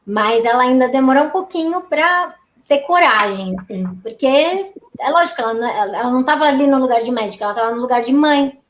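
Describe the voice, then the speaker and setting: A woman with a Brazilian accent hosts a live chat and steers the conversation calmly. Her voice is a little high. The room has a noticeable echo. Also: brisk, a little hiss or hum. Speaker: host. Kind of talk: moderating a live video chat.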